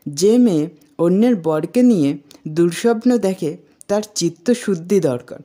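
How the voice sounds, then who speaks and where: A woman's voice: on the low side, lively intonation, unhurried, mellow. A woman reading the lines of a cranky, agitated old uncle in a retold TV serial, scolding and alarmed.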